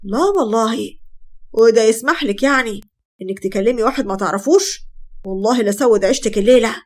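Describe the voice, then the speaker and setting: A woman voicing a jealous, violent young husband in an Egyptian Arabic accent, with a fast, harsh, bullying manner. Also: fairly high pitch, close to an everyday voice. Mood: angry.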